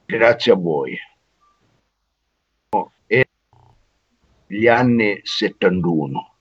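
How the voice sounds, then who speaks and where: A man's voice: lowish voice, lively intonation, extremely slow, breathy edge, no echo, voice pushed down, full character voice. A man putting on a boastful police inspector calling in over a phone line, pompous and muddling his words. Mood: self-important. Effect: heard over a phone line. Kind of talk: comedy radio sketch.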